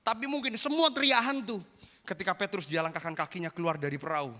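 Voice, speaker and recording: A man preaching a sermon as pastor, animated, acting out quotes and rising to loud bursts. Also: high-pitched, quick pace. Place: church hall. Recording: long reverb of a church hall.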